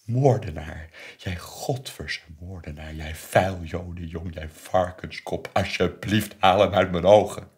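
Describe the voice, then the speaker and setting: A man's voice: a little slow, few pauses, darkish tone. A man with a Flemish accent voicing a grieving mother who screams and curses in a stage monologue. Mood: shrieking grief. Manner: shrill, screaming, sobbing. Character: grieving hysterical mother, shrieking and cursing.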